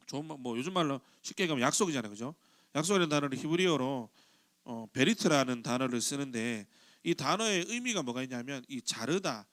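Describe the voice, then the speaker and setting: A man's voice: mid-range voice, a bit bright. A middle-aged male pastor giving a chatty youth sermon in a church sanctuary, often asking the congregation questions and briefly acting out quoted voices. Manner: acts out quoted voices in short bursts.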